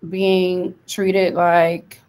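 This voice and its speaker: A woman's voice: fairly low pitch, monotone, drawn-out words, darkish tone, slight background noise. A woman in her thirties with a Detroit accent, discussing casually as a book club co-host on a video call. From Detroit, United States. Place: indoor room at home, video call. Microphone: computer mic on video call.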